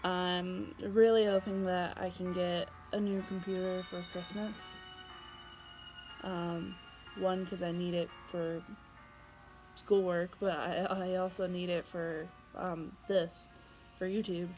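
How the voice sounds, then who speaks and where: Young woman, vlogger, slow unhurried talk, giggly, faint music underneath. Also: lowish voice, flat delivery, a little mellow, rough recording. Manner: chatty, giggly, many fillers and restarts. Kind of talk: casual vlog storytelling.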